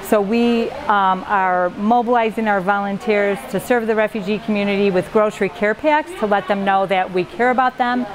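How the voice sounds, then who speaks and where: A middle-aged woman from a refugee ministry, giving a steady, earnest statement to the camera. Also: medium pitch, normal speed, few pauses, rough recording. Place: indoor pantry room with volunteers. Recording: busy room with crowd chatter. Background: crowd chatter.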